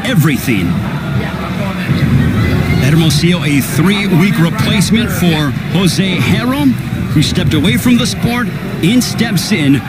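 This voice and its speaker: High-voiced male boxing play-by-play commentator. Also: lively intonation, measured pace, pauses often, loud music behind the voice, over a noisy crowd. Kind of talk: live sports commentary.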